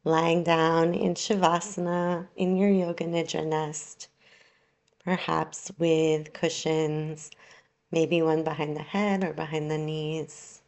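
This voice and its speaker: A woman with a low-pitched voice and flat delivery teaches yoga nidra, guiding a relaxation meditation. She instructs gently, in a soothing, unhurried way, leaving long pauses.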